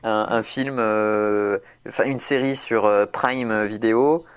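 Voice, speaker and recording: A man's voice: on the low side, steady tone, slow pace, clear, resonant tone. A man chatting casually on a podcast, rambling with many fillers and restarts. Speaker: podcast host.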